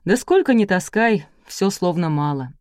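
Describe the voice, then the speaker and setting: A woman doing a quiet, tired farmer. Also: lowish voice, expressive, normal speed, no room sound, studio quality, natural voice. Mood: weary. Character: quiet weary hardworking farmer man.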